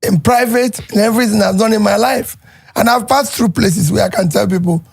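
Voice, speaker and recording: Husky voice, earnest pious advice, very dry recording. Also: medium pitch, a little fast, no room sound.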